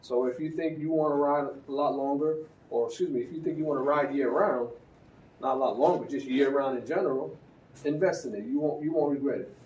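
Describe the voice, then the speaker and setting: Talking fairly quickly in a medium-pitched, slightly mellow voice, this man reviews motorcycle gear for his vlog in a relaxed way, dropping fillers and restarting sentences. He sits far from the mic, so the sound is roomy with faint ambience.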